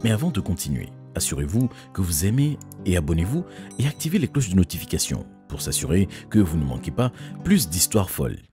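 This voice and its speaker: A man reading a first-person animated story in a scripted way. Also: low voice, fairly quick, soft background music.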